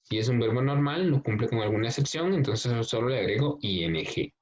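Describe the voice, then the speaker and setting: A male English teacher, explaining a workbook lesson slowly, step by step, and reading the exercises aloud. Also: medium pitch, expressive, slight background noise. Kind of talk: recorded class explanation. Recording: dull lo-fi recording.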